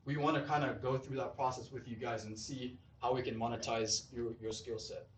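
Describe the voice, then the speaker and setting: A man from Zimbabwe pitching his startup with eager, salesy drive. His voice sits at a middling pitch. It is caught by a distant mic in a roomy hall with a faint hum of noise behind it. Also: steady tone, brisk. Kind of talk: pitch presentation and Q&A. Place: event hall.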